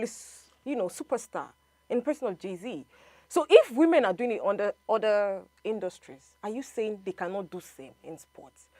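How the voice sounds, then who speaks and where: Lively, assertive woman pushing back. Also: medium pitch, dry recording. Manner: assertive, lively, lists examples. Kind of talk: casual debate.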